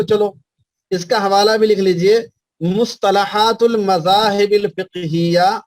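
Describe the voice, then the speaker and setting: A man from India teaching a class on Islamic law, slowly repeating references for students to write down and often checking whether they understand. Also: high voice, a little mellow, no room sound. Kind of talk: classroom lecture dictating notes.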